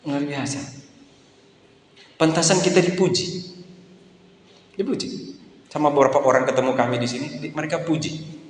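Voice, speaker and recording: A man's voice: fairly high pitch, fairly even intonation, moderate pace, pauses often. Man, pastor, sermon, Indonesian accent, storytelling, long reverb, faint room noise. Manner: anecdotal, jokey, acts out quoted voices. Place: church hall. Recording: echoey church hall with long reverb.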